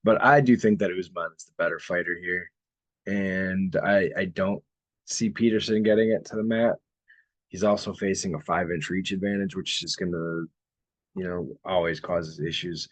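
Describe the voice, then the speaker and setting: Low-voiced guy casually breaking down fights, dry close sound. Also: moderate pace, no echo. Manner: relaxed, conversational, steers the show. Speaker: podcast co-host. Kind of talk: casual sports betting talk.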